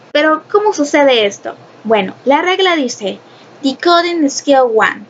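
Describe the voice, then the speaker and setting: A woman gives a phonics lesson in a slow, unhurried way, with a voice pitched a little high. She explains each step patiently and often repeats her point or checks with a question. The recording is dull and lo-fi, with a faint hiss behind her. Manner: explains slowly, repeats and asks rhetorical questions; mixes Spanish and English. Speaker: English phonics teacher. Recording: dull lo-fi sound with faint noise.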